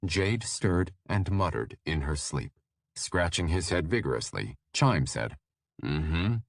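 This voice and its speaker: A man narrating a fantasy audiobook in a steady, measured storytelling voice. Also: low voice, no echo, studio quality.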